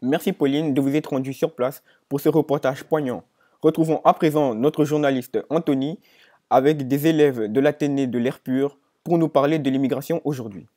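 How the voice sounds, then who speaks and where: A man's voice: mid-range voice, steady tone, normal speed, dark tone. A young man presenting scripted news as an anchor.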